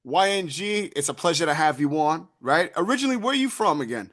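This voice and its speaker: A man's voice: a little high, expressive, fairly quick, a bit bright. A man hosting a radio interview, chatty and hype, who keeps tagging his remarks with "right?" and "you know what I mean?". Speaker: radio host.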